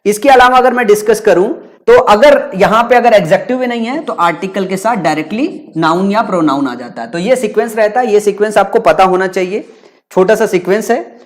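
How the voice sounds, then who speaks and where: A man's voice: high voice, brisk. A man teaching an exam-prep grammar lesson, repeating key points and asking rhetorical questions, calling students "bachcha".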